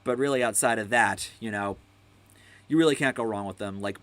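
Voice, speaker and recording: A man's voice: lowish voice, brisk, a bit bright. A young man hosting a casual music tier-list chat, rambling and enthusiastic, full of fillers, swearing now and then. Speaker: host.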